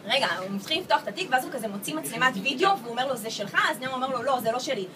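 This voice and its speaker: A woman with a high voice tells a story to a gathered crowd, animated and quick to act out other people's lines. She is picked up from far off, and loud chatter and noise fill the background. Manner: lively, acts out quoted voices with laughter. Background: crowd of people talking.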